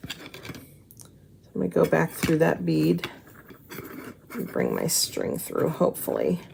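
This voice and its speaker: Gravelly woman with slushy, slurred S sounds. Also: low voice, wildly swooping pitch, unhurried, a little mellow, a little hiss or hum. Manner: chatty, mutters to herself and to the materials while working. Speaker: craft tutorial host. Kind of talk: casual hands-on craft tutorial, talking to viewers.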